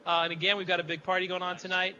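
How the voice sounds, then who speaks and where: A man hosts a radio show live from a downtown club, talking loosely and cracking jokes as he goes. His voice sits high and very bright. The sound is a bit dull, with faint noise behind him. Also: level tone, very fast. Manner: loose, rambling, joking. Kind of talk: casual on-air chat.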